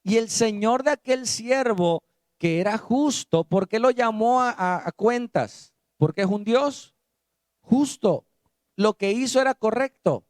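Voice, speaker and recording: A man preaching a sermon as pastor. He keeps asking the congregation rhetorical questions and swings between quiet low passages and loud emphatic ones. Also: no room sound, studio quality.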